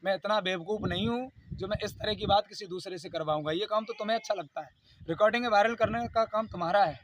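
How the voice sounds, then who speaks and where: A YouTube channel host speaks fast in a high-pitched voice, giving an unscripted video statement that sounds aggrieved, insistent, pleading and repetitive. There's a little hiss or hum on the recording.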